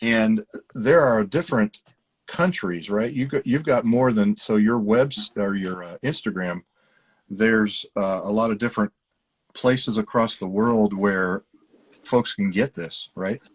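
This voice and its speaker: A man's voice: lowish voice, unhurried, husky. A man hosting a live online interview, asking questions in a chatty, friendly way. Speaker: interview host. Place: Ohio.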